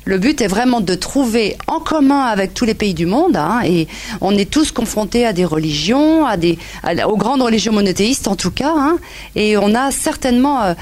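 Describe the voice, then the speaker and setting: A woman's voice: medium pitch, a little mellow. Earnest woman commenting from the audience. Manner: earnest, hesitant, with many fillers. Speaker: audience member asking a question. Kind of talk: audience comment at a public debate.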